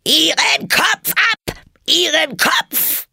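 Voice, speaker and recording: A man voicing a furious, tyrannical queen who bellows shrill commands in a storybook reading. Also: expressive, very slow, creaky, sharp tone, dry recording, clean studio sound, heavily acted. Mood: shrieking rage.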